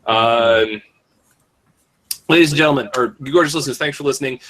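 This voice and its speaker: A man's voice: medium pitch, fairly quick, a bit bright. A man hosting a podcast in casual chat, joking, rambling and poking fun at himself. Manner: joking, rambling, self-mocking. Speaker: podcast host.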